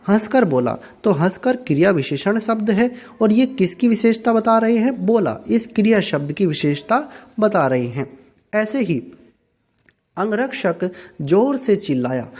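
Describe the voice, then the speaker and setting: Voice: mid-range voice, a little mellow. Patient teacher walking through a worksheet. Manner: patient, asks a question then answers it; repeats and rephrases to explain. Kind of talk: step-by-step workbook lesson.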